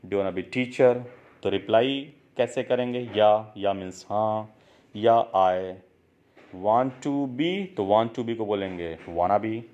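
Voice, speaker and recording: Slow Indian man teaching English. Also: medium pitch, a little mellow. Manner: slow, drilling, asks learners to repeat. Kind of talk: classroom lesson in Hindi mixed with English.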